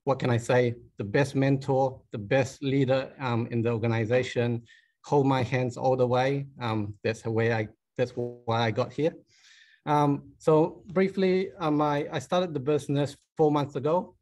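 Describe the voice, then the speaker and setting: At a conference, a guest speaker with a Malaysian accent gives a chatty, informal motivational business talk, poking fun at himself and using short, emphatic phrases. His voice is medium-pitched and a little mellow, with a steady tone and a measured pace.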